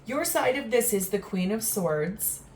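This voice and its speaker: A woman giving a tarot reading in a gentle, earnest, reflective way, with frequent fillers. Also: mid-range voice, expressive, measured pace, a little hiss or hum. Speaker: tarot reader.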